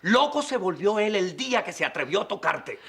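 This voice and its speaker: A man's voice: high voice, sing-song, brisk, fairly bright tone, exaggerated voice. A man voicing an angry, protective father who threatens revenge in a fan telenovela dub. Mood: furious. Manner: furious, blustering. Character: angry protective middle-aged father, vengeful.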